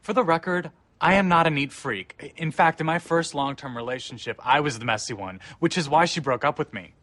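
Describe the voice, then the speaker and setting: An actor playing a sitcom character in a defensive, wry manner. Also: male voice, a little high, a little fast, a bit bright, dry recording. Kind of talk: sitcom dialogue.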